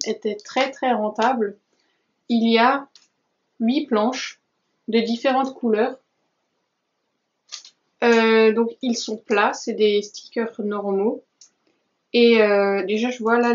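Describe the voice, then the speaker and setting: A woman's voice: on the high side, highs cut off. A woman vlogger chatting casually through a craft haul, enthusiastic and gushing, with many hesitations and little asides. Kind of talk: casual chatty vlog talk.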